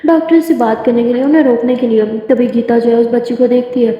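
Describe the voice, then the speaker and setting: Woman narrator, casual story retelling, loose tagging, high voice, echoey lo-fi room. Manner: rapid, loose "she says" tagging, restarts. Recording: echoey room, long reverb, dull lo-fi sound.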